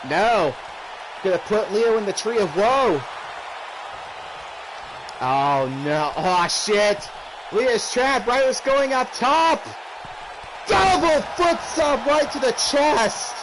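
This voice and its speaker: A man doing excited play-by-play as a wrestling commentator, exclaiming and often shouting out the moves. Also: fairly high pitch. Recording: clearly noisy background.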